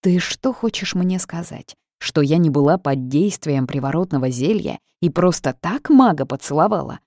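Woman as a fiery young witch, loud and exasperated, gravelly, dry sound. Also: on the low side, animated, normal speed, dry recording.

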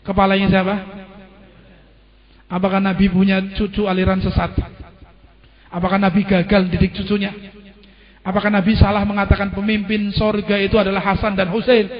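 A man preaching and telling a dramatic story, firing rhetorical questions. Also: high voice. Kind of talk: storytelling sermon. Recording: dull lo-fi recording.

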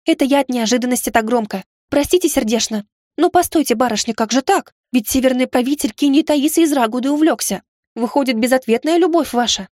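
A woman's voice: high-pitched, brisk, a little mellow, no echo, studio quality, voice pushed up. A woman voicing a plump, eager young maid who gushes breathlessly and lives for love stories. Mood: gushing, eager. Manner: breathless, exclaiming, gasping. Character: eager gushing young maid, romance-hungry.

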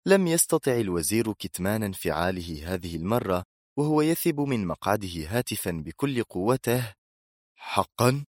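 A man's voice: on the low side, normal speed, dry recording, studio quality. A man reading a thriller aloud in scripted, dramatic narration. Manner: dramatic, expressive storytelling.

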